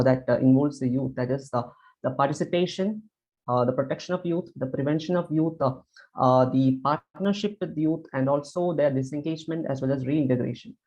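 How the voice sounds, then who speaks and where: A man moderating an online panel discussion, speaking haltingly with many fillers. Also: a little high, dark tone, dull audio.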